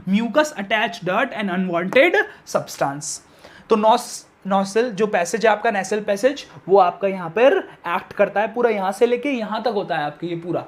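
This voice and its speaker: In a classroom biology lecture, a male science teacher with a very high-pitched voice poses questions and answers them himself. He sprinkles in English technical terms and slowly repeats key ones for emphasis.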